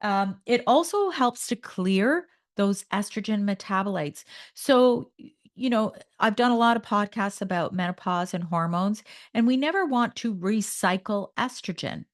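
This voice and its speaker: A woman's voice: mid-range voice, a little slow. Emphatic woman hosting a nutrition podcast. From Canada. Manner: emphatic, animated. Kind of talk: health podcast talk.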